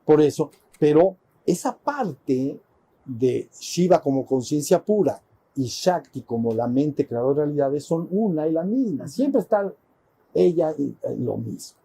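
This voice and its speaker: A man's voice: a little high, big pitch swings, measured pace, gravelly, warm tone, breathy edge. A man, a spiritual teacher telling a playful, colloquial story to a retreat group.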